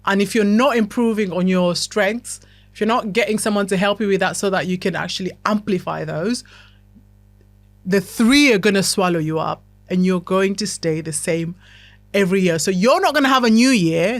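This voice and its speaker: A woman's voice: medium pitch, moderate pace, dry recording. A woman hosting a podcast, giving a motivational self-help talk in a chatty, talkative way that keeps checking in with the listener. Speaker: podcast host.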